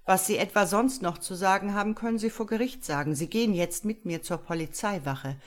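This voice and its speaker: A woman reading the part of a stern, self-satisfied male police inspector who speaks loud and curt. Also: mid-range voice, a little fast, natural voice.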